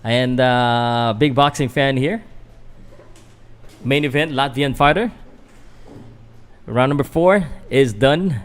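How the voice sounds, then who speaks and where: This young man from the Philippines hosts his own channel and calls a boxing match in a relaxed, halting way, full of filler words and replies to chat. His voice is medium in pitch and clean in tone, slow, with frequent pauses.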